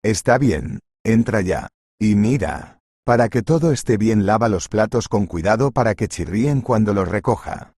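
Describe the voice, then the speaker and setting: A man's voice: on the low side, expressive, normal speed, darkish tone, husky, dry recording. A man voicing a petty, spiteful male restaurant manager who talks in a sneering tone in a storybook reading. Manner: sneering, mocking.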